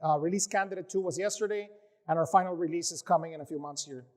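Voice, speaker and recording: A man's voice: fairly high pitch, fast. A man, a company CEO from the United States, giving an upbeat tech conference presentation with frequent filler words. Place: conference session room.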